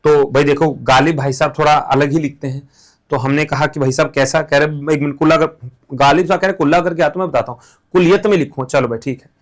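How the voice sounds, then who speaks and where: Playful male teacher, higher voice. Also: steady tone, quick pace. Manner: playful, acts out silly memory stories. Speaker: exam-prep teacher. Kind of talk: mnemonic lesson, casual classroom talk.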